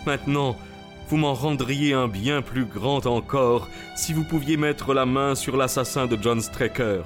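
An actor playing a proud, agitated colonel who owns racehorses, excitable and stammering in French radio drama style. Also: male voice, medium pitch, a little slow, faint music behind, close to an everyday voice. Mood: flustered. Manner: excitable, stammering when flustered.

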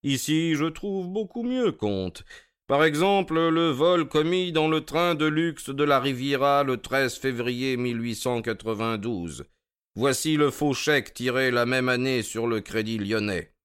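A man playing a cool, ironic detective who needles his opponent calmly and methodically, in radio drama acting. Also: medium pitch, measured pace, clean tone, lightly acted. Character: cool, ironic, self-assured male detective.

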